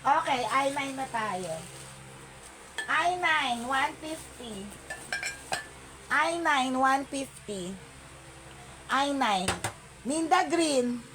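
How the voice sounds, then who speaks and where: A woman's voice: high voice, animated, drawn-out words, long pauses, noisy background. A woman hosting an online live-selling stream, chatting with viewers by name and calling out item codes and prices, slipping English words into her talk.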